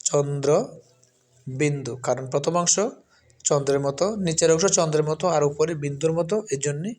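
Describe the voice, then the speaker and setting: A man, who comes from Bangladesh, teaching a lesson. He talks slowly and repeats each sound with careful stress. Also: on the high side, little pitch movement, darkish tone. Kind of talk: spoken lesson.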